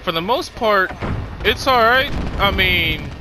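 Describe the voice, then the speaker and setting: A tired, yawning man with a slightly high voice talks casually through a shooter match. He reacts out loud to every fight, and heavy gunfire from the game booms behind him. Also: animated, slow pace, very noisy. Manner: chatty, reacts aloud to the match. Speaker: gaming YouTuber and streamer. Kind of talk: casual gameplay commentary.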